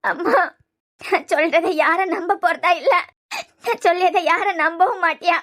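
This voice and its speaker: A woman with a Kanyakumari Tamil accent voices a tearful, despairing young woman who is newly engaged and distraught in a cartoon serial. Her very high voice is fairly bright and steady in tone, moving a little fast.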